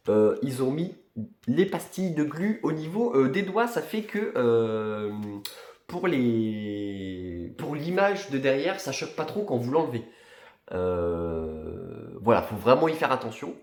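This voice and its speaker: A man's voice: medium pitch, sing-song, unhurried, darkish tone. Chatty young man in an echoey room. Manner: casual, many fillers and restarts. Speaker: collector vlogger. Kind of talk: casual chat.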